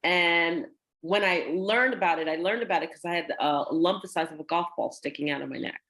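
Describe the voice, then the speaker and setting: A woman's voice: lowish voice, brisk. A woman, a guest, telling her story in a conversational way and acting out the people she quotes. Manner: animated, acts out quoted dialogue.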